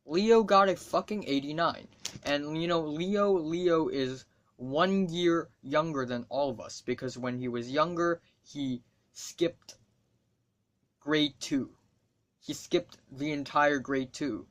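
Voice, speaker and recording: Speaking slowly in a slightly high voice, a teenage Hong Kong student who grew up speaking Cantonese vlogs casually to camera. He rambles, swears without restraint and makes wry side comments.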